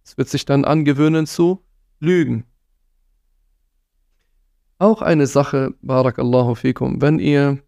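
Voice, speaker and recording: Gravelly earnest male preacher. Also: on the high side, a little mellow, dry recording, studio quality. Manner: earnest and admonishing, sprinkles Arabic phrases. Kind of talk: religious talk on parenting.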